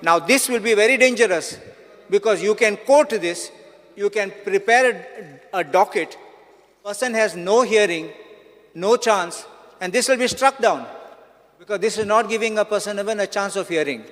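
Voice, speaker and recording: A man, a legislator and advocate, raising measured, insistent legal objections in a debate. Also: high-pitched, a bit bright. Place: legislative assembly hall. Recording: long hall reverb.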